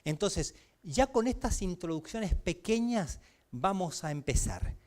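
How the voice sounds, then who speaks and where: A man with a Chilean accent delivers a church sermon in a conversational way, full of everyday examples and direct questions to his listeners. His voice sits high and swings widely in pitch. He sounds animated and engaged throughout. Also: unhurried. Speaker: pastor. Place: church service.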